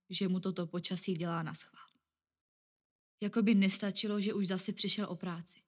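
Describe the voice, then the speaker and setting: Woman storyteller, measured and even, mid-pitched voice. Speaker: narrator. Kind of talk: scripted storybook narration.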